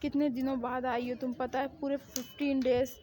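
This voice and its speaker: A woman's voice: sits high, level tone, brisk, warm tone, close to an everyday voice. A woman voicing a fussing, affectionate middle-aged mother-in-law in a homemade fan drama. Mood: doting.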